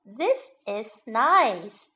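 A curious, polite little girl from a children's storybook, as a woman reads her part, speaking high and bouncy. She says each short line slowly and clearly, then repeats it in Chinese. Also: very animated, pushed and bright, heavily acted. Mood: cheerful.

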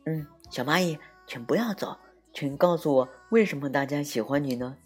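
Figure: a curious, earnest little boy in a storybook voiced by a man. Pitch: raised. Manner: questioning and a bit unsure. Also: normal speed, soft background music, close to an everyday voice.

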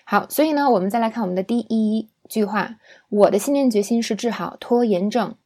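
A woman teaching an English lesson, breaking words down syllable by syllable and often checking in with her listeners through a quick tag question. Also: on the high side, a little mellow. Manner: patient, explains pronunciation syllable by syllable. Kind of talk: spoken language lesson.

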